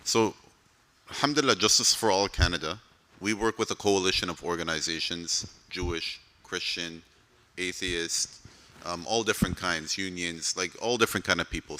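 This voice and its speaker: Bright-voiced man from Palestine. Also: low-pitched, moderate pace. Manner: conversational, leans on "you know". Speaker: speaker for an advocacy group. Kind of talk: answering audience questions. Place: mosque hall.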